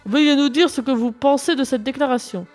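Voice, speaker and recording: A woman's voice: high-pitched, a little fast, voice pushed up, lightly acted. A woman voicing a polite, dryly ironic village mayor, over faint music.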